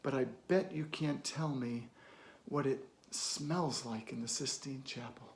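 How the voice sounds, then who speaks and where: A man performing a dramatic film monologue as a weary, blunt middle-aged therapist, deliberate, with weighty pauses and emphatic bursts. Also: medium pitch, slight background noise, close to an everyday voice. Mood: challenging. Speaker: actor.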